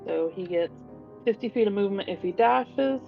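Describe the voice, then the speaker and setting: A woman's voice: medium pitch, expressive, moderate pace, creaky. A woman playing a tabletop game on a livestream, talking bluntly and offhandedly, with casual swearing. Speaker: player. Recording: lo-fi stream audio with faint music.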